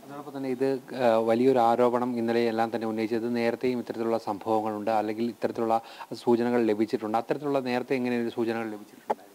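Male field reporter, fast, monotone live questioning. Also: medium pitch, slight background noise. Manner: rapid flat questioning.

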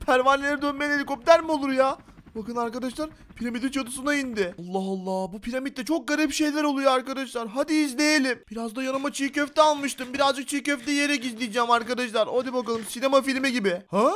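A young man narrates his Minecraft adventure in a very high, bright voice. He talks excitably and dramatically, and he keeps turning to his viewers as friends. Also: fast talker. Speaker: gaming YouTuber. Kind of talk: Minecraft role-play commentary.

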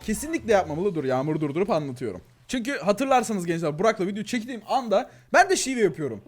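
A young man chatting excitedly through a game he plays, with a voice that swings between thin and deep, addressing his viewers. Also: fast, soft background music. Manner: excitable, chatty, talks to viewers as "gençler" and "abi", frequent laughs. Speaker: gaming YouTuber. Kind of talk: casual Let's Play commentary.

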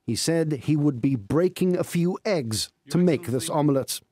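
A man narrating a news report in a measured, formal way. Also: a little high, expressive, warm tone. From Gibraltar.

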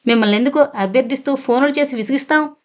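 A woman voicing an alien caller who speaks calmly and gravely, reasoning with a distraught mother. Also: high voice, very fast, lightly acted. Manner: calm and grave, pleading reasonably.

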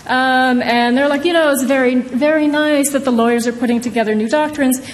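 Presenting her book, an Indonesian law professor in her thirties talks conversationally and frequently checks in with "right?" during an informal academic talk. Her voice is high-pitched and steady, fairly quick in pace. A podium microphone picks her up in a big, reverberant, wood-panelled courtroom-style hall, where some noise is audible.

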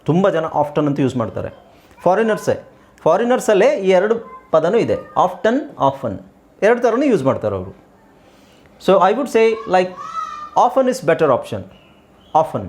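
Animated teacher drilling words. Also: male voice, high voice, slight background noise. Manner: repeats words slowly for drilling. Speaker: English teacher. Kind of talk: pronunciation lesson.

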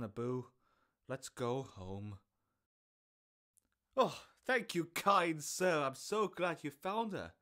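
A young man voicing a cocky but kind street thief who talks in a casual, quick-witted, joking way. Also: a little high, a bit bright, full character voice. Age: young adult.

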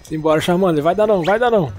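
Man, young adult, Brazilian accent, excitable gaming commentary, slightly high voice, soft music behind. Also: rapid-fire. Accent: Brazilian Portuguese. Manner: excitable, exclaiming and talking to game characters. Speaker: gaming YouTuber. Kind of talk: let's-play commentary.

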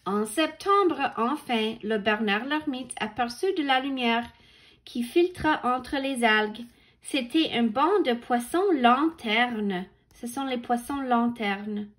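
A woman reading a picture book aloud to children, pausing to point out the pictures, count along and correct her own misreadings. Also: a little high, animated, fairly bright tone. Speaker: children's story reader.

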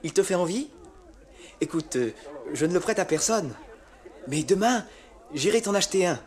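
A man's voice: high voice, animated, normal speed, some chatter behind. A kind young man.

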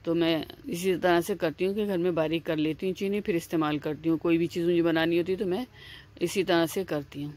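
A woman hosts a home cooking video, giving casual step-by-step instructions in a chatty way, repeating herself and restarting often with plenty of "aa" fillers. Her pitch is fairly low, her tone steady and somewhat dark, and she talks fairly quickly.

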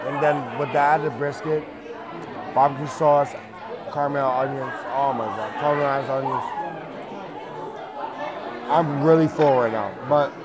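In a noisy, crowded bar and restaurant with loud music and chatter, a food vlogger in his thirties reviews a burger in a casual vlog. His mid-range voice holds a steady tone, a little slow with long pauses, though he's chatty, exclaims and laughs often. The audio comes from an earbud mic on a phone held close.

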